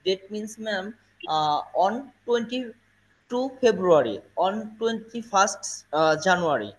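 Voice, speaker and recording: A man's voice: high voice, expressive, drawn-out words. A man with a Bangladeshi accent, a student answering his teacher's questions hesitantly in class. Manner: hesitant, many fillers.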